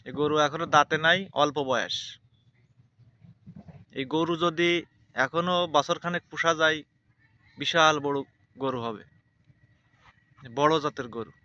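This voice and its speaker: A man's voice: fairly high pitch, a little slow, long pauses, pushed and bright, clear, resonant tone, lo-fi sound. A man, chatting casually as a vlogger while outdoors with a cow. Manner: chatty, repetitive commentary. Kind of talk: casual vlog narration.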